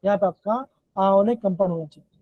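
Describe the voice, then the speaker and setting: High-voiced male chemistry teacher, repetitive. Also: fairly quick, dry recording. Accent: Himachali Hindi. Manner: repetitive, keeps calling the students "बच्चों". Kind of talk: live online class lecture. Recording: dull, dry low-fi online class audio.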